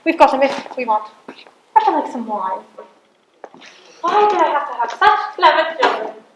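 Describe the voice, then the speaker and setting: Actress as a high-voiced, cunning older queen. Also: big pitch swings, normal speed, muffled recording. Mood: wry, scheming. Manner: grand, wry, manipulative. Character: proud, cunning older imprisoned queen and mother. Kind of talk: theatrical period drama monologue and dialogue. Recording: echoey room, audible background noise.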